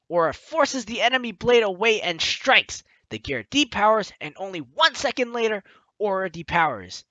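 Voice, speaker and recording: A high-pitched male let's play host gives a theatrical, animated reading of a visual novel story. The recording has no echo but its highs are cut off, and game music sits in the background.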